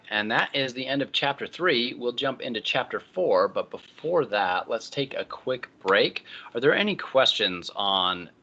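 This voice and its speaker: Bright-voiced male lecturer, lo-fi lecture recording. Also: lowish voice. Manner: relaxed explaining with frequent ums and uhs.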